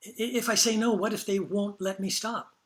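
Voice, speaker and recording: A woman's voice: mid-range voice, steady tone, normal speed, pitched above the performer's own voice, close to an everyday voice. A man voicing a tired, frightened woman patient in care, who speaks anxiously and stammers.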